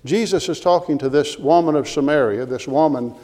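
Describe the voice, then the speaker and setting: A man's voice: on the high side, fairly quick, a little mellow, in a large hall. A man preaching a sermon in an earnest, emphatic way, citing scripture verses as he goes.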